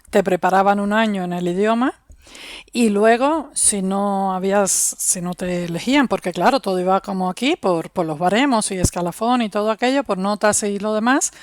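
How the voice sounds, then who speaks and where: A middle-aged woman from Cuba, chatting warmly as an interview guest over a video call. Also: medium pitch, no echo, clean studio sound. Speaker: guest expert. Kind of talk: casual interview chat.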